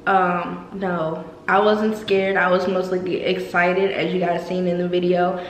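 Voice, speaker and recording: A woman's voice: fairly low pitch, level tone, unhurried, a little hiss or hum. Young woman vlogger, 19, speaking with braces, chatty Q&A, echoey room. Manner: chatty, with frequent ums and likes. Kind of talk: casual Q&A vlog.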